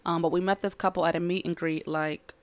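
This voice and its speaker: A woman's voice: lowish voice, fairly even intonation, fairly quick, no room sound. A woman co-hosting a podcast at home, telling a rambling story in casual chat. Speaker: podcast co-host.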